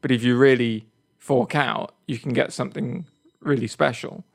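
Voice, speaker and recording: Gravelly English man chatting casually. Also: medium pitch, normal speed. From England. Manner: relaxed, chatty, tells anecdotes. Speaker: podcast co-host. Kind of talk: casual chat.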